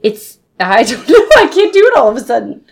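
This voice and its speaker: A woman co-hosting a casual family podcast as a mother, easygoing and quick to laugh. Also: on the high side, sing-song, creaky.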